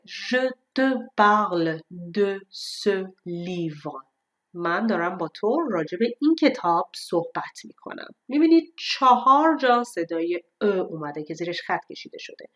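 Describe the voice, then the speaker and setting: Woman teaching French sounds slowly. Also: medium pitch. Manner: explains clearly, then says French words slowly and carefully. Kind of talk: online language lesson.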